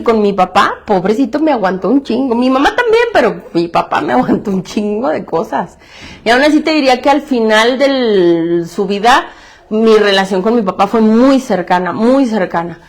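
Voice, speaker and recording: A woman with a Mexican accent speaks to a self-help group in a fairly high voice, telling her own story. She talks bluntly in street slang and swears freely. She hammers her points home by repeating the same phrases. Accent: Mexican Spanish. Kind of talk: candid testimony talk.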